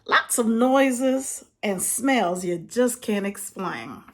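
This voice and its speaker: Woman in her 50s chatting to her channel, slow easygoing talk, laughs a lot. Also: on the high side, animated. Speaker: vlogger. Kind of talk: casual chat to camera.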